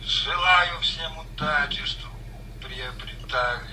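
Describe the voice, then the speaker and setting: A man on a phone call, heard through the phone's speakerphone, talking casually and haltingly with fillers. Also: on the high side, bright, forceful tone. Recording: distant noisy phone speaker.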